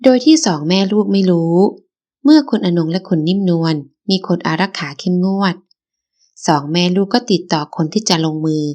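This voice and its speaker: A woman reads a novel aloud as an audiobook narrator. Her voice sits a little low and stays calm and even. She reads steadily through the scene. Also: moderate pace.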